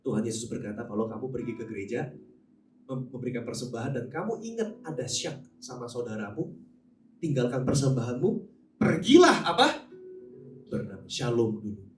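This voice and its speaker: A man preaching a sermon as pastor, talking conversationally and animatedly, often turning to address the congregation directly. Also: mid-range voice. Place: large church hall. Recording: roomy echo, voice from some distance.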